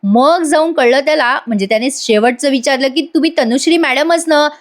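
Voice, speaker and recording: A woman voicing a scheming young wife who talks her way out of trouble in slow, drawn-out, pleading lines. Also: sits high, natural voice. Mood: evasive.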